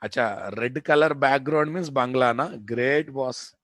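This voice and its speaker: Casting: male Indian tech teacher, Telugu accent, slow pace, dry close sound, repetitive and informal classroom delivery. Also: medium pitch, fairly bright tone, no room sound. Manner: repeats phrases for emphasis, informal bantering. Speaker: programming instructor. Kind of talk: live classroom lecture with repeated questions to students.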